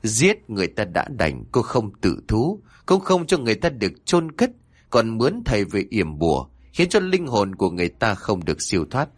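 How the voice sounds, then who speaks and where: A man playing a stern older male exorcist with a deep, somber voice who scolds harshly in a horror story. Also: expressive, normal speed, a bit bright, no echo.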